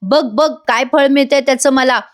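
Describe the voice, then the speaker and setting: A woman's voice: high-pitched, moderate pace, close to an everyday voice. A woman voicing a selfish young husband who taunts and blames his wife. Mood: accusing. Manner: taunting, accusing.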